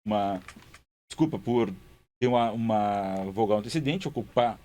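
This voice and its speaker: A man's voice: on the low side, animated, moderate pace, dark tone. Male teacher, patient board walkthrough, repeats key words, checks in often. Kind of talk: explaining grammar exercises at a board.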